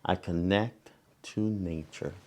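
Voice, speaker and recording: A deep-voiced male storyteller reads a picture book aloud to children, gently and deliberately. He pauses between phrases and adds small asides.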